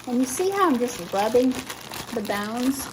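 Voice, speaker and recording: A high-pitched woman talks viewers through her cooking step by step. Her speech is slightly hampered by new dental braces. She is casual and folksy, with faint household noise and crinkling in the background. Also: expressive, normal speed. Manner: chatty, folksy, narrating each step as she works. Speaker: home cook hosting a cooking vlog. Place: home kitchen while cooking.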